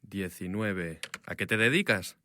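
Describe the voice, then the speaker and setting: An actor playing a friendly male receptionist in a scripted textbook dialogue, asking brisk questions. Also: deep voice, bright, forceful tone, slight background noise.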